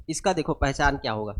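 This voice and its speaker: A man giving a step-by-step grammar lecture, unwell and low on energy, asking the class questions and answering them himself. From India. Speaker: grammar teacher.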